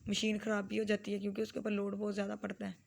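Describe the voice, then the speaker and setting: A woman with a Lahori Punjabi accent gives a chatty, homely voice-over for her family vlog. Her pitch stays almost perfectly level, and her voice has a gravelly, creaky edge. She drifts into Punjabi phrases as she goes. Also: monotone, very fast. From Lahore, Pakistan. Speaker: family vlogger and mother. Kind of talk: casual vlog voice-over narration.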